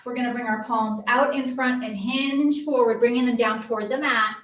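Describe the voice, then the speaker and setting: A middle-aged yoga instructor with a slightly high, somewhat bright voice leads a live movement class at normal speed with fairly even intonation. She is encouraging and chatty through each pose, a little out of breath. She is far from the mic in an echoey room.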